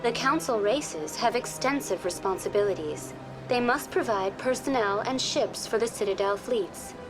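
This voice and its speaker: A courteous female virtual intelligence acted by a woman guides visitors around a game's space station. The voice sits fairly high and stays formal and impersonal, reciting information in measured phrases. Music plays clearly behind it. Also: expressive, lightly acted. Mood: polite, composed. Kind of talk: scripted informational game dialogue.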